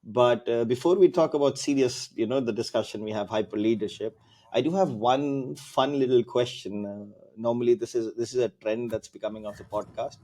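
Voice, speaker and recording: A podcast host chats loosely through an interview, full of fillers and restarts. His voice is mellow and mid-pitched, and he talks fairly quickly.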